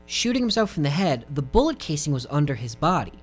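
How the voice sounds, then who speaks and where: A man's voice: fairly high pitch, big pitch swings, fast. A man co-hosting a casual podcast chat, recounting case details in a laid-back way with many fillers. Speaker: podcast co-host.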